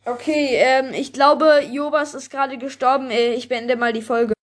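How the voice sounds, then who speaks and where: A woman's voice: high-pitched, fairly even intonation, normal speed. A woman casually chatting and setting game rules on a podcast, giggly and bossy, on a handheld mic. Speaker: podcast co-host. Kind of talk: casual chat playing games. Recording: echoey room.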